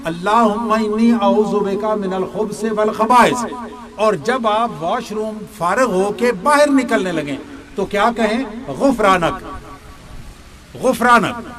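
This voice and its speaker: High-voiced man preaching to a crowd. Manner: teaching, asks the listeners questions and answers them. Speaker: religious preacher. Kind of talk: sermon to a gathering.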